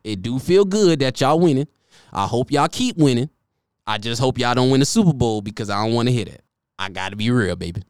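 A young man rants about football in a loose, profane way, his voice leaping high when he is excited and sinking into quiet muttering. His tone is smooth and resonant, and the recording is dry and close. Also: no echo. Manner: animated, profane, swings between loud excitement and low muttering. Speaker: sports commentary vlogger. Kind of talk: casual sports rant.

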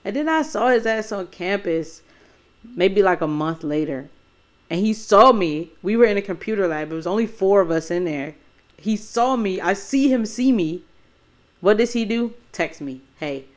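A woman's voice: mid-range voice, lively intonation, moderate pace. A young woman co-hosting a casual chat, telling a dating story bluntly and with profanity, laughing often.

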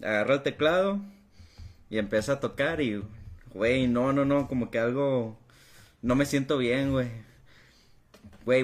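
A young man with a Mexican accent, telling an anecdote to friends in a relaxed way and filling his sentences with slang. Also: mid-range voice. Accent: Mexican Spanish. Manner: laid-back, peppers speech with "güey". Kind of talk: casual storytelling among friends.

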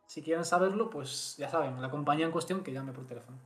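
Fast-talking playful young man. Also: a little high, faint music behind. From Galicia. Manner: fast, playful, jokey asides. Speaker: podcast co-host. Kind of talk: casual chat.

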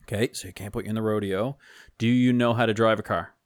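Fast-talking low-voiced deadpan man. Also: no echo. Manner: dry, deadpan questioning, playing a talent agent. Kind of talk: casual podcast banter.

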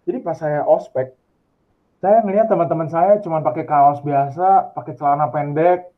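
Young male student, from Indonesia, chatty and animated; tinny phone-line sound. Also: fairly high pitch, moderate pace. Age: young adult. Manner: chatty, animated storytelling with laughs. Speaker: student abroad. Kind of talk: casual video call chat. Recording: tinny phone-like call audio.

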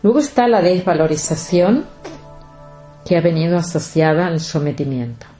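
A woman, hosting a reflective podcast and speaking slowly and deliberately straight to her listeners. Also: fairly low pitch, animated, warm tone, soft background music. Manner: slow, deliberate, addresses listeners directly. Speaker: podcast host.

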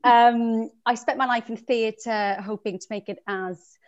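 A woman in her thirties from South Wales, a novelist with a stammer, speaking in a halting way with frequent fillers. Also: a little high, fairly even intonation, muffled recording. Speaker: guest novelist. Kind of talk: casual conversation.

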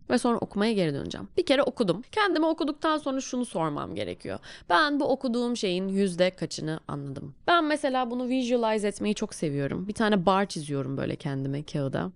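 A woman with a Turkish accent giving a casual lesson as an English teacher, talking the learner through each step in a lively way. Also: fairly low pitch, vocal fry.

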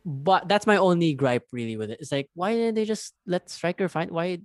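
A young man, co-hosting a casual podcast chat, rambling and animated and swearing freely. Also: sits high, moderate pace, no echo. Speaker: podcast co-host.

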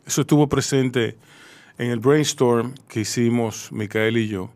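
A man's voice: mid-range voice, measured pace, a little mellow. A man hosting a radio talk show, joking and bantering. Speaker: radio host. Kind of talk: casual chat. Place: radio studio.

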